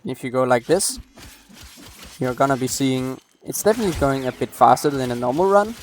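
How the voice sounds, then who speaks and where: Animated and fairly quick, a medium-pitched man narrates a late-night game build walkthrough for his guide channel, rambling, apologizing, and restarting a lot. He coughs at one point, and the close desk-mic recording carries a little hiss or hum.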